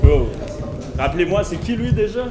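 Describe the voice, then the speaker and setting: Taunting Québécois battle rapper, roomy hall. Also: male voice, sits high, expressive, moderate pace, very noisy. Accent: Québécois French. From Quebec. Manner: taunting, punchy insults with English slang mixed in. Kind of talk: a cappella rap battle verses. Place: indoor battle venue.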